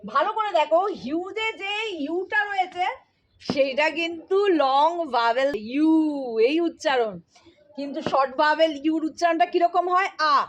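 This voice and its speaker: A woman's voice: very high voice, normal speed. A woman teaching an English spelling lesson in Bengali, explaining patiently step by step and often checking that her students follow.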